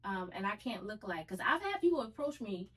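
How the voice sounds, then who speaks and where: A woman's voice: medium pitch, big pitch swings, brisk. Earnest, reflective woman, slightly distant. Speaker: podcast guest. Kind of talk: casual chat.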